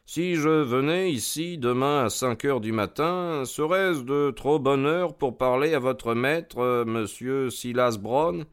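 A man doing a confident gentleman detective. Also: mid-range voice, slow pace, hardly any pauses, smooth, pitched above the performer's own voice, natural voice. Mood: assured. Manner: lively and confident, a touch lofty. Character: keen, self-assured gentleman detective. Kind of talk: audiobook narration.

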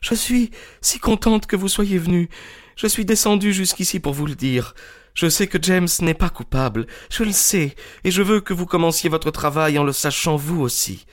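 In a storybook reading, a man voices an agitated young woman, pleading urgently and breathlessly insisting in a raised voice. His pitch is high and pushed up, at a moderate pace, yet still close to his everyday voice.

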